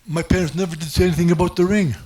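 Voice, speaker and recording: A man's voice: high-pitched, fairly even intonation, racing, dark tone. A man doing stand-up, telling a rambling self-mocking story with many restarts. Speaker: stand-up comedian. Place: comedy club stage.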